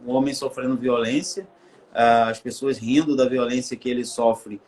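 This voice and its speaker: A man's voice: mid-range voice, fairly even intonation, normal speed, a little mellow. A man with a Brazilian Portuguese accent, a guest on a live-stream interview, speaking earnestly and building his points through repeated phrases.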